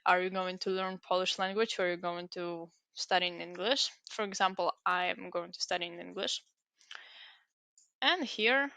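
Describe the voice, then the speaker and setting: A young native Ukrainian speaker presents a screen-recorded tutorial, walking through an online application step by step with frequent hesitations and fillers. Her mid-range voice is a bit bright, and the recording is dry.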